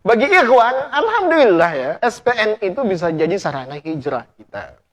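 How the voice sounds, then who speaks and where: Lively, high-pitched male preacher. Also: normal speed. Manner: animated, playful, acts out couple dialogue in hushed voices. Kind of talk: lively premarital class sermon.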